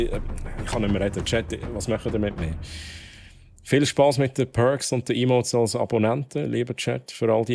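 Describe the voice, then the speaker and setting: A man with a Swiss accent streams live in a casual, chatty way. His voice sits at a medium pitch, and he slips dialect words and English slang into his German as he greets and thanks his viewers. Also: a little mellow.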